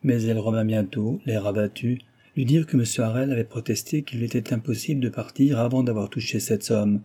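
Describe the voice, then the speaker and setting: A man narrating a classic novel as an audiobook in a steady, even storytelling manner, with a husky voice. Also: medium pitch, a little fast. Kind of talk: scripted literary narration.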